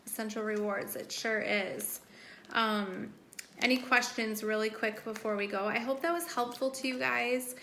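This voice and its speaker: A woman's voice: a little high, normal speed, sharp tone, a little hiss or hum. A woman hosting a casual live stream Q&A, chatty and enthusiastic with lots of fillers, her voice starting to give out. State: losing her voice. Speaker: live stream host promoting a wellness drink.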